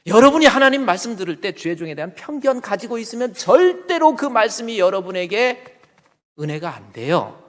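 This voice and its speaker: A man preaching a Sunday sermon as pastor, talking colloquially with loud, emphatic bursts. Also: high-pitched, very animated, a little fast. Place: church sanctuary. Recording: long church reverb. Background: long hall reverb.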